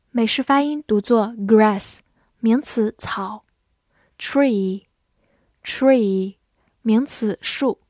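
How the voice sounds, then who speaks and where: Woman, English teacher, slow deliberate delivery, slightly high voice, dry close sound. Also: darkish tone, no echo. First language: Chinese. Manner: slow, careful word-by-word reading of examples. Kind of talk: scripted English lesson.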